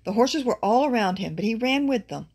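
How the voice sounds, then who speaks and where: A woman reads a children's picture book aloud, her voice gravelly and husky. Her pitch rises and falls in a lively, expressive way as she points out what is on each page. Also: fairly quick. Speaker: storybook reader.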